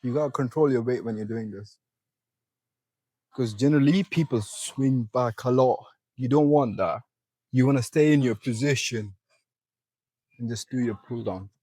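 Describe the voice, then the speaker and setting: A young man walks viewers through a back workout in a gym, breathing hard between sets and explaining each move as he goes. His voice is husky and breathy, with a mid-range pitch. The sound is close and dry, with little room echo. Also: moderate pace, long pauses, warm tone. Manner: instructive, coaching viewers step by step. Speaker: fitness vlogger. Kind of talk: casual gym walkthrough.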